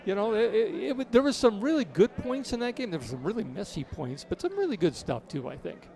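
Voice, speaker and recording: A man's voice: high voice, big pitch swings, fairly quick, gravelly, warm tone. A man doing casual, conversational play-by-play of a baseball game. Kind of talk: casual conversational sports commentary.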